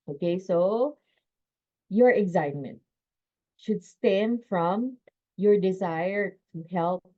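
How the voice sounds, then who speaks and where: A woman's voice: fairly low pitch, dull audio. A woman giving an online sales training lecture, speaking with energy and emphasis and laughing between points. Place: home, on a video call. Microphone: video call.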